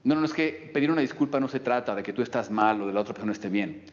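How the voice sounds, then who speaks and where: A man lectures like a self-help coach, talking fast and checking in with his listeners again and again. His voice comes through a dull, muffled recording that rings with a long reverb. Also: medium pitch. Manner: explanatory, frequent "¿ok?" check-ins. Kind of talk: motivational video lecture.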